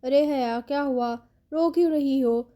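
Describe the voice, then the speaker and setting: A woman's voice: high voice, dark tone, natural voice. A woman reading the lines of a young husband in a romance storybook, speaking in a clipped, restrained way. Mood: tender teasing. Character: stern young husband, coldly furious.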